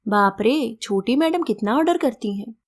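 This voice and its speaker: A woman's voice: fairly high pitch, lively intonation, moderate pace. A woman voicing a friendly longtime female housemaid who talks in a homely, chatty, familiar way. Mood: amused.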